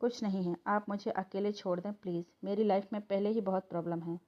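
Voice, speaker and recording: A woman's voice: medium pitch, fairly even intonation, a little fast, dark tone, natural voice. A woman voicing a proud young woman who is defiant and hurt and answers sharply, in a slightly dull recording. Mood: irritated.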